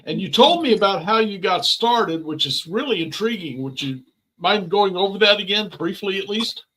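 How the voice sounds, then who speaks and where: High, bright-voiced male interview host. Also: animated, normal speed, a little hiss or hum, rough recording. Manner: chatty, informal. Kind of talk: casual conversational interview.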